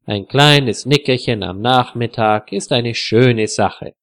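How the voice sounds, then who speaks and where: A man voicing a polite, friendly young male visitor in a slow storybook reading. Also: medium pitch, a bit bright.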